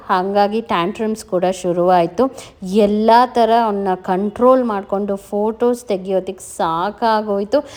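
A woman's voice: medium pitch, a little mellow. A woman narrating a family vlog in a chatty voice-over, mixing English words into her telling. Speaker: vlogger and mother.

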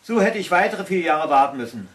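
A man's voice: fairly high pitch, a little fast, close to an everyday voice. A man voicing a spirited, mocking female reindeer in a storybook reading. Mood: chatty. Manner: mocking, lively.

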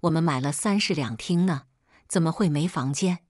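A woman's voice: low voice, normal speed, darkish tone, no echo, studio quality. A woman reading as a shrewd, firm mother. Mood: sly. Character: calm, shrewd middle-aged mother.

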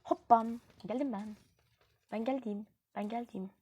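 A woman hosting her own gaming channel, giving excitable live gameplay commentary full of exclamations and quick frustration. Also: on the high side, slightly rough.

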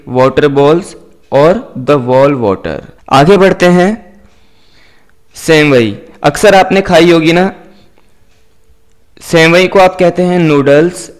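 A man teaching English words in a video lecture, spelling each one letter by letter and repeating it slowly. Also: on the high side, darkish tone.

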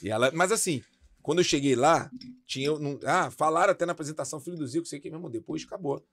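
A man's voice: on the high side, a bit bright. A man, a former footballer talking candidly and slangily about his career as an interview guest. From Brazil. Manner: fast, slangy and candid, with frequent swearing. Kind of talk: casual interview chat.

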